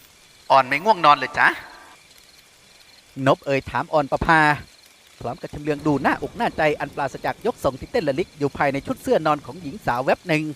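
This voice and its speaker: Male novel narrator, steady delivery, slightly high voice. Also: fast, slight background noise. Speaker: audiobook narrator. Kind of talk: novel reading.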